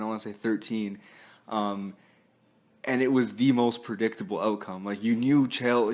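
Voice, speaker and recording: A man hosting a casual sports talk podcast, chatty and easygoing, laughing often and using plenty of fillers. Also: lowish voice. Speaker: podcast host.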